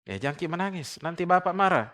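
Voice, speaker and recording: A man playing a gentle mother who softly coaxes a small child to stop crying. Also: high-pitched, animated, quick pace, pitched above the performer's own voice. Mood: soothing. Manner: soft coaxing hush, repeated pleading.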